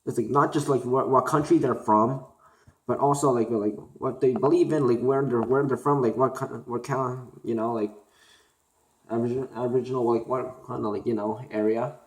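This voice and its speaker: A young man from Korea, talking unscripted to camera as a student vlogger, halting and full of fillers and restarts. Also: mid-range voice, fairly even intonation. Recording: roomy echo.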